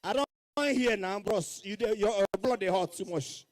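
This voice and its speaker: A man's voice: sits high, normal speed, no room sound. A Nigerian man giving a rally speech as master of ceremonies, calling out to the crowd from the stage in repeated phrases and slipping into Pidgin.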